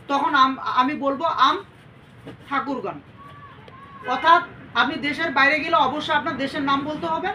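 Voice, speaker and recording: A woman teaching English to a class, drilling phrases slowly, correcting pronunciation and quizzing her students. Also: high-pitched, sharp tone, recorded from a distance, slight background noise, low-quality recording. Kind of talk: classroom lesson.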